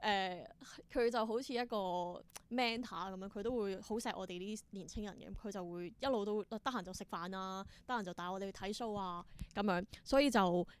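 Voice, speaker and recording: A young adult woman with a Hong Kong Cantonese accent, a theatre performer appearing as a podcast guest, tells stories casually and acts out snippets of dialogue. Her medium-pitched, smooth voice moves briskly with hardly any pauses.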